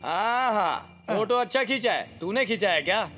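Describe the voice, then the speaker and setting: A man's voice: high voice, expressive, moderate pace, sharp tone, soft background music. A man dubbing a cocky young hero who taunts his enemies with cheeky mockery. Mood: mocking. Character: cocky young male hero, mocking, unbothered. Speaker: dubbing actor. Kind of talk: Hindi film dub. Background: film score.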